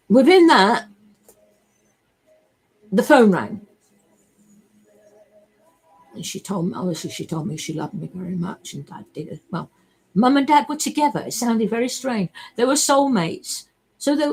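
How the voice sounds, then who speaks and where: Brief: woman, husky, unhurried, emotional and rambling, salty language. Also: on the high side, lively intonation, a little mellow. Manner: emotional, rambling, swears freely. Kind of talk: rambling personal monologue.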